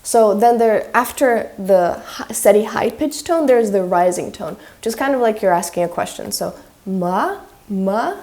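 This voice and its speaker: Woman chatting thru pronunciation tips, warm mellow tone, tries sounds out loud. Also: medium pitch, normal speed, few pauses. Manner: demonstrates sounds and tones aloud, tentative. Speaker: language-learning video creator. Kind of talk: casual explanatory talk.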